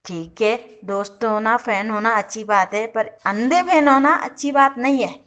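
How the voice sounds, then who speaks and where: A woman's voice: a little high, moderate pace, a bit bright, muffled recording. A woman giving opinionated casual commentary as a video commentator, sarcastic and indignant, often breaking off and correcting herself. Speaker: YouTube show commentator.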